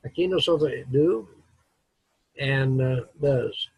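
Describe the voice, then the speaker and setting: Profesor de voz ronca y pausada. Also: male voice, medium pitch, gravelly, a little mellow, husky, no room sound. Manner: slow, halting explanations mixing English words into Spanish. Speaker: English teacher. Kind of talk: classroom grammar lesson. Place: classroom.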